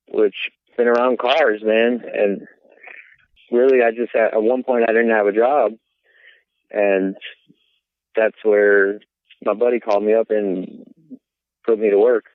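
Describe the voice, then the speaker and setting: A man from South Carolina, a podcast guest, talking in a laid-back casual way and often saying man and dude. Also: mid-range voice. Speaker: podcast guest, business owner. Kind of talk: casual interview chat. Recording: tinny phone-like line.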